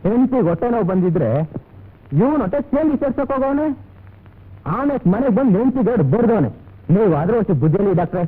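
An actor playing an outspoken village neighbor with a husky voice who scolds the drunkard in rustic speech, in a radio drama. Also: male voice, very high-pitched, animated. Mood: scolding. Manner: brisk, scolding, rustic dialect. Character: outspoken village neighbor, middle-aged man. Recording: tinny lo-fi audio.

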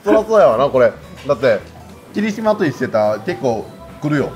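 A man's voice: medium pitch, big pitch swings, brisk, a little mellow, faint music behind. A man with a Kansai accent chatting casually and banteringly over a meal as a food video co-host, often breaking into laughter. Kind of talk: casual chat while eating ramen.

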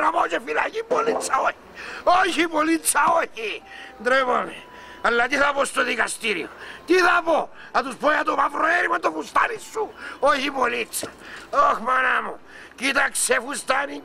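A shrill melodramatic Cypriot husband. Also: male voice, vocal fry, a little hiss or hum, heavily acted. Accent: Cypriot Greek. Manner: melodramatic, wailing and shouting. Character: fussy dramatic middle-aged husband. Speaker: husband in a sitcom. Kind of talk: sitcom acting.

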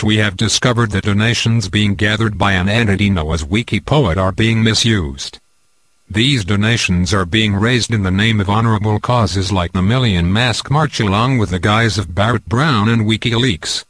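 A man speaking in a disguised deep voice, reading a scripted declaration as an anonymous spokesman in a flat, measured, impersonal way. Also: dry recording.

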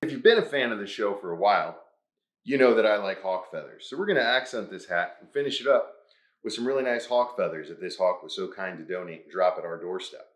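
An upbeat man with a lowish voice hosts a hands-on craft tutorial, talking fairly quickly as he walks through each step while working. The room he's in is echoey.

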